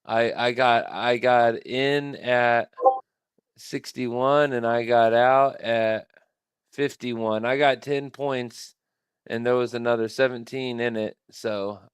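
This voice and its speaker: A man's voice: mid-range voice, steady tone, takes it slowly, smooth, no echo. A man hosting a live trading stream, thinking aloud at his computer in a casual, rambling way.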